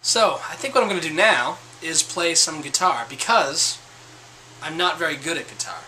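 Young male vlogger, bright, cutting tone, a bit high, rambling and self-mocking, webcam-close in a small room. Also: animated, normal speed, slight background noise, low-quality recording. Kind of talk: casual chat to camera.

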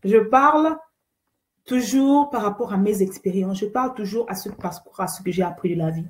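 A woman's voice: medium pitch, normal speed, roomy sound. A woman hosting a live faith talk, earnest and exhortative, repeating key phrases and greeting viewers by name. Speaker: host of an online faith talk show.

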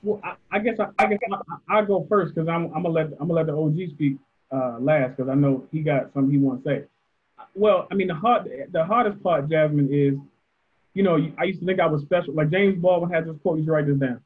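A man's voice: fairly high pitch, fast, husky. A debate coach speaking on a panel, thoughtful, often repeating words as he starts a sentence. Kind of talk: panel discussion answer. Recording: muffled phone-like audio.

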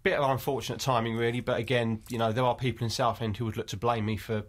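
Fast-talking jokey man from Essex. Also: medium pitch, flat delivery. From Essex, England. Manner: jokey, rambling, self-mocking. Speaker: guest, spoof news writer. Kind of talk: casual interview chat.

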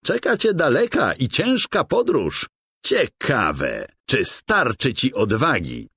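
Gloating dark lord villain from a kids game, man putting him on, slow and raised, husky. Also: medium pitch, huge pitch swings, dry recording, studio quality, voice pushed up, full character voice. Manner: mocking, gloating, slow and drawn out. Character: male lord of darkness, sly treasure-hoarding villain.

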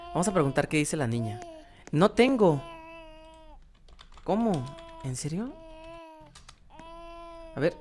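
Low-voiced woman narrating gameplay. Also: sing-song, slow, long pauses, darkish tone. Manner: rambling, many fillers and restarts; talks to viewers as "chicos". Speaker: gaming channel host. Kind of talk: casual gameplay commentary.

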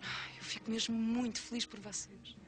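An actress playing a gentle, forgiving young bride in a television soap, tender and sincere, with a European Portuguese accent. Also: female voice, on the high side, level tone, normal speed, soft background music, close to an everyday voice. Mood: tender, apologetic. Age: young adult. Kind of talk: television soap drama acting.

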